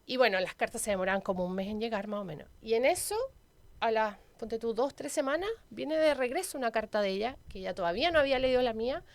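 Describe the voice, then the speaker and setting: Woman in her 40s w a chilean accent, telling stories, kinda high voice, dry close mic. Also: fast, dry recording. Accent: Chilean Spanish. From Venezuela. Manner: warm storytelling, chatty. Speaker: guest, local councilwoman. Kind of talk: casual interview chat.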